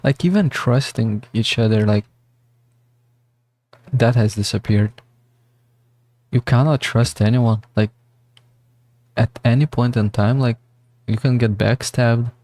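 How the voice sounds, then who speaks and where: A man's voice: medium pitch, measured pace, long pauses, a little mellow, no room sound. A man streaming a game who rambles through philosophical thoughts, swearing freely as he muses. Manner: rambling, meandering, swears often. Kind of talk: casual livestream musing.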